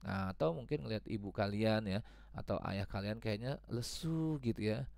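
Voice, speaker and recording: A man's voice: fairly low pitch, lively intonation, moderate pace, creaky, a little mellow, no echo. A man teaching English to children, patiently repeating each example and translating it. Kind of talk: explaining a grammar lesson to children.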